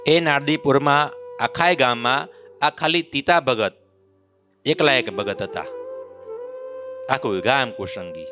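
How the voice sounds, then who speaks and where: Guy giving a story sermon, acts out the villagers, instrument music playing behind him. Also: mid-range voice. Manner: storytelling, acts out the mocking villagers, chants verses slowly. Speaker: preacher telling a devotional story. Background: musical instrument accompaniment.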